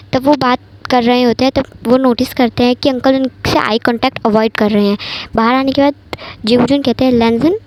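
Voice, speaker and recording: A woman's voice: fairly high pitch, a little mellow, rough recording. A woman casually retelling a fan story in a chatty, conversational way.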